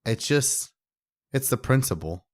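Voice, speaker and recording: A man's voice: mid-range voice, expressive, unhurried, no room sound. A man co-hosting a podcast in casual chat, sheepish and self-deprecating. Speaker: podcast co-host.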